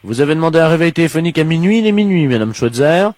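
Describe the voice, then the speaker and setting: A man's voice: on the high side, lively intonation, racing, darkish tone, no room sound, natural voice. A man voicing an insistent wake-up call operator on a prank phone call, repeating himself brusquely.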